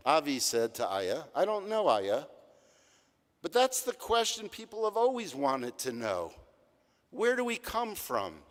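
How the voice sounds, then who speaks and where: An older man, a rabbi, giving a reflective sermon that tells stories and leans on measured emphasis. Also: fairly high pitch. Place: large synagogue sanctuary. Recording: long hall reverb.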